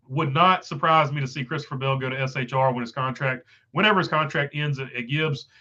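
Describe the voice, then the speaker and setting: A mid-range male voice, bright and forceful, comes through lo-fi audio. Stuffed up and losing his voice, he hosts a relaxed livestream and meanders through viewer comments with many fillers.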